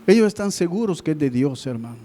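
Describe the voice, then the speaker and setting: High-voiced preaching man. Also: very animated, fast. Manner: keeps addressing listeners as brother, swings between loud and hushed. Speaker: pastor. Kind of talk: sermon.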